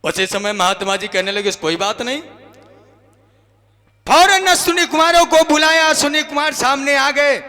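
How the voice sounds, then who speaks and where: A man's voice: very high voice, expressive, pushed and bright. A man telling a devotional folk story, voicing the quoted speakers as he narrates. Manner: narrates with voiced quotes, breaks into long drawn-out song. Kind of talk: sung and spoken devotional story. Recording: long hall reverb with music behind.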